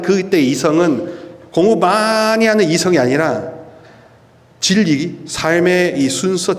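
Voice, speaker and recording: Preaching at a prayer meeting, a man with a voice on the high side delivers a charismatic sermon marked by rhetorical questions and lingering emphases, all lively and forceful. The church hall adds a long, reverberant tail to his words.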